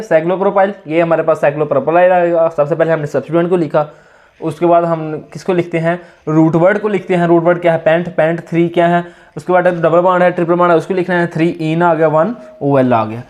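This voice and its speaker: A male chemistry teacher with a noticeably high voice lectures while nursing a sore throat. He keeps firing questions at his students and answering them himself, echoing each answer back. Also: steady tone, a little fast, a little mellow. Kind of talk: classroom lecture.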